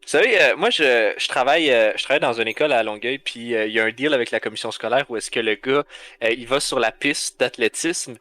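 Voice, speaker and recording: A man's voice: mid-range voice, quick pace, bright, forceful tone. A man with a Quebec French accent, co-hosting a casual podcast and telling rambling stories full of fillers. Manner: rambling storytelling with many fillers. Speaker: podcast co-host.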